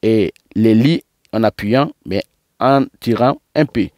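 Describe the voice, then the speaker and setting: Man drilling slow syllables. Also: lowish voice, darkish tone, dry recording, studio quality. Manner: slow, drawn-out syllable drills, repeating words. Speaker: Quran teacher. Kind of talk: pronunciation lesson.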